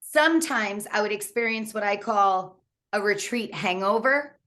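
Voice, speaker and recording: A woman's voice: medium pitch, measured pace, fairly bright tone. Guest, woman, 40s: candid, laugh-prone storyteller, casual interview over a video call. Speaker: author and coach guest.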